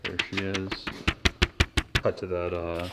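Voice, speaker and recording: A man's voice: low voice, monotone, slow pace, echoey room, long reverb tail, heavy background noise. A man co-hosting a workshop vlog, chiming in with dry, wry remarks. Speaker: channel co-host. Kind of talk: casual workshop banter.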